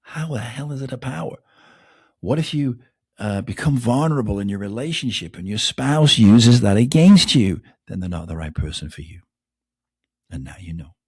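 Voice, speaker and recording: A man's voice: fairly low pitch, darkish tone, slightly rough. A middle-aged man from England, hosting a podcast in a casual, joking, self-mocking monologue full of rhetorical questions. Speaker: podcast host.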